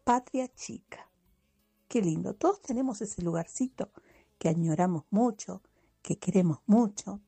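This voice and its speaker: A woman with a warm, slightly husky voice chats with her radio listeners. The sound is dry and close, as in a small studio. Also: mid-range voice, a little slow, no echo, faint music behind. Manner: chatty, friendly, addresses listeners. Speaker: radio contributor. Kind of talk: radio segment.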